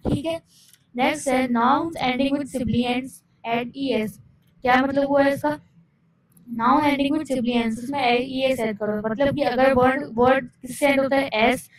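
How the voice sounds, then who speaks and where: A woman teaching English spelling rules in Hindi. She reads each English rule slowly, then explains it quickly in Hindi, and asks questions that she answers herself. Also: high-pitched, low-quality recording.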